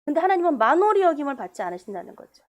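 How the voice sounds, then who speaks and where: A woman pastor preaching a sermon in a church, animated, with sudden loud bursts and quiet asides. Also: high voice, rapid-fire. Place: church sanctuary.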